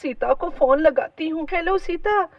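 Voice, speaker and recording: A woman's voice: extremely high pitch, unhurried, recorded from a distance, dull audio, a little hiss or hum. A woman voicing a scheming, bossy older mother-in-law in a cartoon story, with a scolding manner. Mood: frightened.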